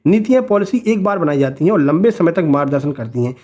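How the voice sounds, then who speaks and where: Man teaching, high-pitched voice, exam-prep lesson, rhetorical questions, encouraging asides. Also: expressive, quick pace, dark tone. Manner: rhetorical questions, frequent "है ना?" tag; motivational asides to students.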